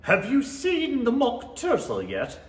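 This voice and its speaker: A man's voice: very high voice, huge pitch swings, slow pace, full character voice. A man playing a bad-tempered, imperious queen in a 1930s-style radio play, haughty and commanding in an echoey hall. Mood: bossy. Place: small theatre stage.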